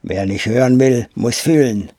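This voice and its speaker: A man voicing a hoarse, bossy male monkey chief in war paint who barks orders in a storybook reading. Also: medium pitch, unhurried, dark tone. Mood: commanding. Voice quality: hoarse, hissing. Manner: barking commands.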